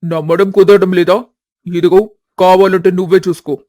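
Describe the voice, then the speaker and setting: A man voicing a boastful, scheming village headman in an animated family story. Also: high-pitched, moderate pace, no room sound, studio quality, natural voice. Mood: gloating. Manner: mocking, boastful.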